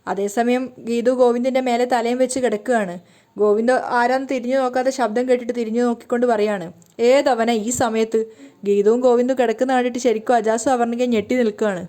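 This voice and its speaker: A woman telling a TV serial's story in a hurried spoken recap, slipping and correcting herself as she goes. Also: fairly high pitch, steady tone, warm tone. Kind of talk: fast spoken recap narration.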